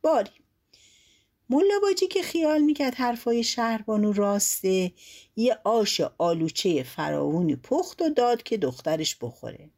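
A woman telling a folk tale aloud, with lively narration and changing voices for the quoted figures. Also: fairly high pitch. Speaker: storyteller.

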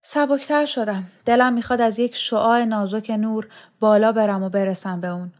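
A woman voicing a wistful, grieving young woman who speaks softly and with longing in an audiobook reading. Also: a little high, fairly even intonation, natural voice.

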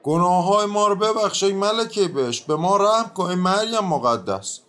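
A man's voice: high voice, lively intonation, a bit bright, faint music behind. An actor playing a stubborn, evasive peasant man on trial, talking in a rustic, grumbling way in a radio drama. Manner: rustic colloquial speech, grumbling and mumbling.

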